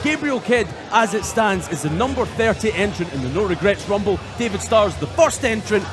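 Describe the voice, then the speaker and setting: A man commentating on wrestling, excited and emphatic. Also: high-pitched, normal speed. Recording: music bed behind.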